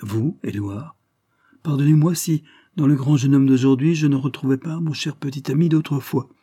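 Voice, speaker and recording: A man voicing a gentle, gracious young married woman in a read-aloud story, speaking softly and kindly. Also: medium pitch, moderate pace, husky, no room sound, studio quality, voice pushed up, close to an everyday voice. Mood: warm.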